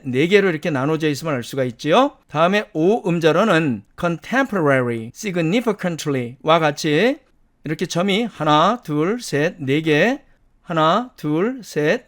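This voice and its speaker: Guy teaching english pronunciation in korean, pretty high voice, counts stuff out one by one. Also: fairly bright tone. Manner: methodical, counts items aloud one by one. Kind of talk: slide-based lecture.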